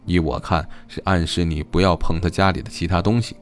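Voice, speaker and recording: A man's voice: low-pitched, steady tone, brisk, natural voice. A shrewd young woman who keeps pressing her point, as a male narrator puts her on. She talks insistently, and faint music plays beneath the storybook reading. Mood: probing. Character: young woman, sharp and probing.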